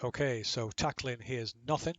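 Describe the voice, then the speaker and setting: A man runs a tabletop game, pausing and restarting as he describes the scene. His voice sits at a middle pitch and sounds dry and close, with no room around it. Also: no room sound, muffled recording. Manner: hesitant, many restarts and fillers. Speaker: game master. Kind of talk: running a tabletop game over a call.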